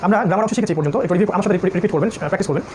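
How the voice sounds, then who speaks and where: A man teaching a classroom review lesson on Quranic Arabic, drilling word lists in quick repetitive chants. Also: sits high, darkish tone, a little hiss or hum.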